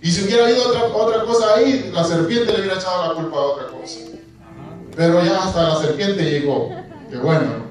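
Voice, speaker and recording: Male preacher, high voice, distant mic in a very echoey church, soft music beneath. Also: a little fast. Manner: asks the congregation questions, dramatizes scripture. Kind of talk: sermon. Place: church hall. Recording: echoey church hall from far off.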